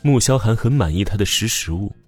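A man narrating an audiobook drama with expressive storytelling. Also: on the low side, fairly quick, breathy edge, soft background music.

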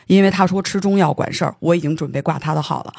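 A podcast host, telling a story in casual studio chat, animated and stumbling over words when excited. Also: medium pitch, fast, vocal fry, no room sound.

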